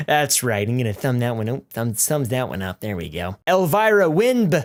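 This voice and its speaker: Reading out viewer comments in a laid-back vlog, this late-teen man of nineteen clowns around, mocks himself, swears and keeps bursting into fake outrage. He speaks at a moderate pace with a medium pitch that swings widely.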